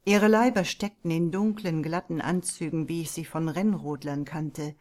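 A woman narrating a tense first-person story in a slow, deliberate, brooding manner. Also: deep voice, steady tone, darkish tone. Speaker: audiobook narrator.

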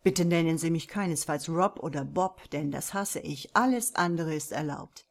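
A woman reading an audiobook, voicing a calm, self-assured young man who teases and coaxes. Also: deep voice, normal speed, vocal fry. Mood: calm teasing. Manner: calm, teasing, coaxing.

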